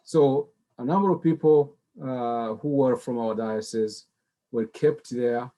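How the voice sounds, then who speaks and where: A middle-aged man from Rwanda, a panelist telling his own story in a measured, halting way with many restarts. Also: mid-range voice, warm tone. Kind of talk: personal testimony on a panel.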